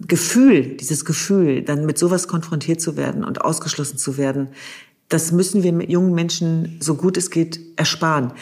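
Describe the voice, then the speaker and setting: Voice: medium pitch, slightly rough. A speaker in a conversation who talks with urgent emphasis and repeats phrases for stress. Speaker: discussion partner. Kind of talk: impassioned conversation.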